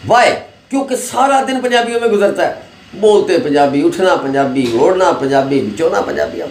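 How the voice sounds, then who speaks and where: A man's voice: fairly high pitch, animated, normal speed. A man, an English teacher giving a chatty classroom lecture full of anecdotes and pronunciation drills. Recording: echoey room with faint noise.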